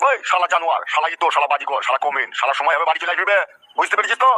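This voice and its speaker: A man's voice: a little high, lively intonation, bright, forceful tone. An actor voicing a foul-mouthed middle-aged village father-in-law who rants and curses in a comic cartoon dub. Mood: ranting. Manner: rapid cursing rant.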